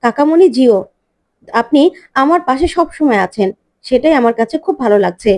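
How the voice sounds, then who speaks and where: A woman voicing a calm, evasive young groom in a spoken story recap, reassuring and cagey in her replies. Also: high voice, moderate pace.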